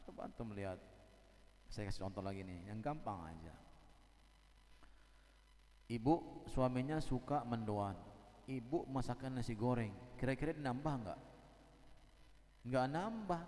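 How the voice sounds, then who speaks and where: A man giving a sermon, animated and joking as he acts out little scenes. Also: medium pitch. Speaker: preacher. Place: prayer hall. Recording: hall reverb.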